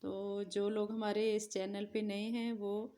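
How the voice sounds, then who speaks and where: Woman chanting flat reading drills. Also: medium pitch. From Pakistan. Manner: slow sing-song drilling of letter sounds. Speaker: Quran reading teacher. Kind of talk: recited reading lesson.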